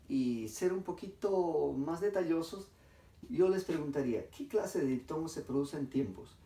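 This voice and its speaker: A man teaching a grammar lesson, explaining step by step and dictating words slowly to his class. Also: fairly high pitch, dark tone. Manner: methodical, addresses class, dictates slowly syllable by syllable. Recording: echoey room, distant mic.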